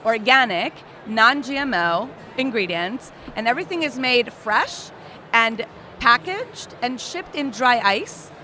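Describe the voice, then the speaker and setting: Bright-voiced woman from Costa Rica. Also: fairly high pitch, slight background noise. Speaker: company co-founder, guest. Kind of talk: interview. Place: outdoor festival booth.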